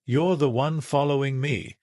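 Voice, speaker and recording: A man's voice: mid-range voice, unhurried, a little mellow, no room sound, clean studio sound, voice pushed up, close to an everyday voice. A man voicing a fierce, protective alien warrior woman who speaks in terse, clipped commands in a sci-fi audio story. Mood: defiant.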